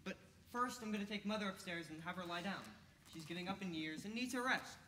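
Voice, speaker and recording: An actor doing a sulky young heir in a stage mystery, defiant and grumbling, with a bright, forward voice. It rings through an echoey hall over a faint hiss. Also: mid-range voice, quick pace, close to an everyday voice. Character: surly, lazy young heir. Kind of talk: amateur stage acting.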